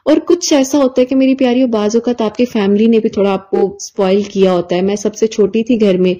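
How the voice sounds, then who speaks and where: A woman's voice: mid-range voice, steady tone, warm tone. A woman video creator chatting through a personal story, fondly calling her listeners her dears. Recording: slightly dull lo-fi recording.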